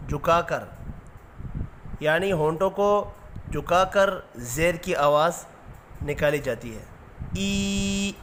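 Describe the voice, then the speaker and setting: A man's voice: high-pitched, a bit bright, slight background noise. Patient Urdu-accented man teaching Quran letters. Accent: Pakistani Urdu. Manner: patient, drawn-out drilling of letter sounds. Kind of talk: slow syllable-by-syllable recitation lesson.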